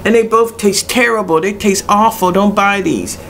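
A middle-aged woman giving a blunt, casual product review in a hesitant way with many pauses. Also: mid-range voice, creaky, fairly bright tone. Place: small cluttered room indoors. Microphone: webcam at arm's length. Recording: noisy webcam recording with room ambience.

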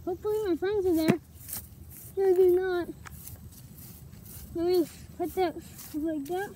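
A woman's voice: very high voice, unhurried. Young woman talking through a gas mask. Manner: chatty, excited, rambling. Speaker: vlogger. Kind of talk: casual vlog. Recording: faint background noise.

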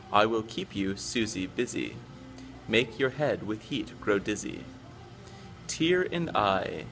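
American male teacher, lowish gravelly voice, measured word-by-word reading, music behind. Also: a bit bright. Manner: deliberate, word by word. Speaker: English teacher. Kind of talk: slow careful poem reading.

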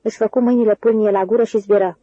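A woman narrating a novel as an audiobook reader, in an even, measured way. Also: mid-range voice, no room sound, highs cut off.

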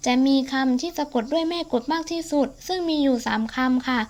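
A woman's voice: high-pitched, brisk, darkish tone. A teenage girl explaining exam answers politely and step by step to classmates. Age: teens. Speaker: student tutor. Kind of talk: exam-prep lesson explanation.

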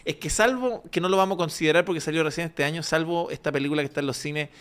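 A man's voice: on the high side, rapid-fire, fairly bright tone, smooth. A man with a Chilean accent, co-hosting a podcast in rambling, slangy casual chat. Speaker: podcast co-host.

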